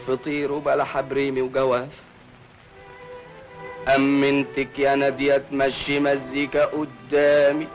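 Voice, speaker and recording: A man's voice: mid-range voice, close to an everyday voice, low-quality recording. An actor with an Egyptian accent playing a blustering, jittery drunk out to prove his bravery, in classic film comedy style. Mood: mournful, pompous. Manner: theatrical, boastful.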